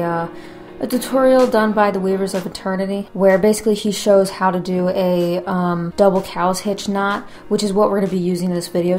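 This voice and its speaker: A woman's voice: mid-range voice, a little mellow. A woman narrating a craft tutorial as its host, in an informal, conversational way.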